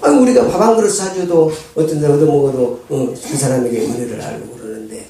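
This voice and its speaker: A man's voice: fairly high pitch, quick pace, warm tone. A male pastor preaching a sermon in a church sanctuary, emphatic, drawing amens from the congregation with rhetorical questions. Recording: echoey church hall, distant mic, faint noise.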